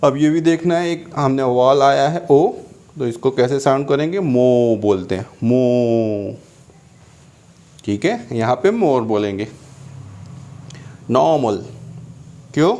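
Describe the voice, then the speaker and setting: A middle-aged man with an Indian English accent teaching a classroom lesson, explaining slowly and repeating key points. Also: mid-range voice, expressive, darkish tone.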